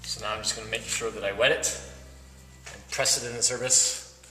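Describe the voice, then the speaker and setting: A man demonstrating wall repair techniques step by step, explaining in a relaxed way with frequent fillers. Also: lowish voice, fairly quick. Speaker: plaster instructor. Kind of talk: instructional demonstration. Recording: roomy echo, voice from a distance, faint music.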